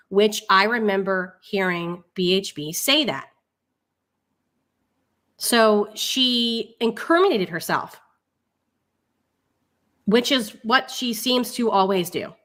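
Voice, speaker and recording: There's a fairly bright, medium-pitched woman's voice here, hosting a livestream of online commentary. She mixes reading aloud with casual asides, keeping it informal and full of sarcastic mockery.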